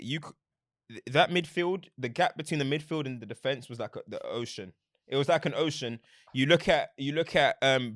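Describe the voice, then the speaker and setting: A man's voice: mid-range voice, a bit bright, dry recording, clean studio sound. A young man with an urban London roadman accent, chatting casually about football in an emphatic, slangy, repetitive way. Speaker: football pundit.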